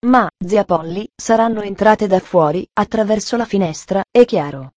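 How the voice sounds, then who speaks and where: A woman's voice: medium pitch, moderate pace, darkish tone, no room sound, muffled recording, close to an everyday voice. A woman reading aloud and voicing a cheerful, eager little girl with an earnest way of talking.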